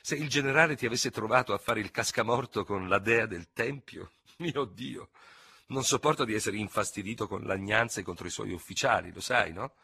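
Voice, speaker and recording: A man's voice: lowish voice, moderate pace, vocal fry, sharp tone, slightly rough, voice pushed up, heavily acted. A man voicing a cool-headed young staff officer who answers with controlled scorn. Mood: teasing. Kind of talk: audiobook character reading.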